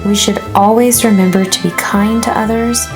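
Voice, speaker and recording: Music plays in the background as a woman expressively narrates a children's book aloud. Her voice is mid-range and her speed normal.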